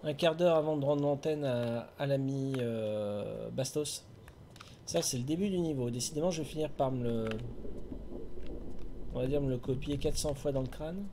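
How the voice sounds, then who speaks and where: A man with a mellow, medium-pitched voice at a moderate pace gives casual running commentary while playing a video game. He chats with viewers, talks to himself, and hums tunes, and the recording has a little hiss or hum.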